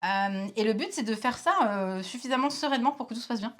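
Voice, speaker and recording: A woman in her thirties co-hosting a board game show, chatting casually with lots of hesitations and quick laughs. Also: fairly high pitch. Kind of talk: casual chat reviewing board games.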